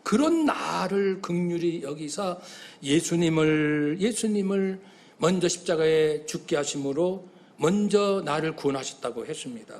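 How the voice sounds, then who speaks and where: A middle-aged man delivers a sermon from the pulpit. His voice sits high for a man. He preaches with feeling and acts out the voices of the people in his story. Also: a little slow. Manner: animated preaching, acting out voices of God and congregants. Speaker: pastor.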